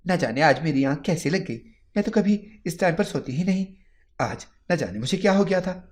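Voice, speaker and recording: A man's voice: on the high side, expressive, pitched above the performer's own voice, natural voice. A man voicing a secretive middle-aged mother in a story, who swings between scolding and soothing. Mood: puzzled. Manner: anxious and scolding.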